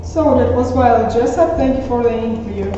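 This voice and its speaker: Slightly high woman interviewing in class. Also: a little fast, noisy background. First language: Ukrainian. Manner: hesitant questioning with fillers. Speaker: interviewer in a class role-play. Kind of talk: school role-play interview. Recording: echoey classroom, far mic, dull.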